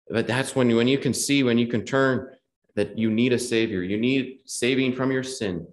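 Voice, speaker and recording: Earnest male preacher in an echoey hall. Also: mid-range voice. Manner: earnest, repeats key phrases, quotes scripture in old wording. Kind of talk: gospel preaching. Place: gospel hall.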